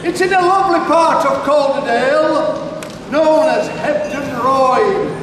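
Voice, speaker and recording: A man competing as a town crier, shouting a rhyming proclamation in measured, declamatory phrases. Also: very high-pitched, a crowd in the background. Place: large indoor hall. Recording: echoey large hall from far off, noisy.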